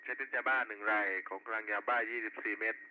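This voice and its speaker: This fast-talking male dispatcher has a voice on the low side and a steady tone. He reads police reports back in formulaic, clipped roll-call fashion, sounding through a two-way radio effect on a tinny narrowband walkie-talkie with faint noise.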